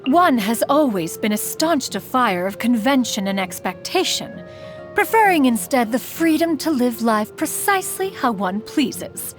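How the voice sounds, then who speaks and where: A woman's voice: fairly high pitch, very animated, measured pace, faint music behind. A woman voicing a haughty, eccentric female immortal crane spirit and inventor in a video game, speaking formally and calling herself "one". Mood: lofty. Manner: formal, archaic speech, calls herself "one"; haughty yet teasing. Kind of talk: video game character voice lines.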